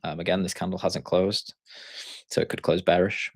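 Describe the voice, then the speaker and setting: A trading coach from Yorkshire, England, hosts a live trading stream, thinking aloud as he explains charts in his Yorkshire accent. His voice is low and level at a normal speed, with no room sound.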